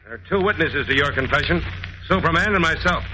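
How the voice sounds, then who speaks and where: An actor playing a tough, commanding police inspector with clipped speech, in 1940s radio style. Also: male voice, fairly high pitch, lively intonation, fast talker, pushed and bright, slight background noise, rough recording. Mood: stern, triumphant. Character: tough, brisk male police inspector making an arrest.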